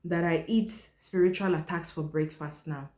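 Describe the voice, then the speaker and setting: Blunt woman telling a story, lowish voice. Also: steady tone, moderate pace, darkish tone. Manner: blunt, candid, drops her voice low, swears. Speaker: podcast host. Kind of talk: casual personal storytelling. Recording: roomy echo.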